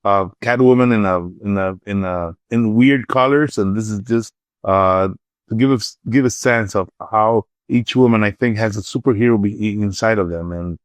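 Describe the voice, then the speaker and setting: A middle-aged man with a Salvadoran accent, an artist and entrepreneur appearing as an interview guest, answers questions conversationally. His voice is on the low side at a moderate pace, with no room sound. He often repeats words while searching for phrasing.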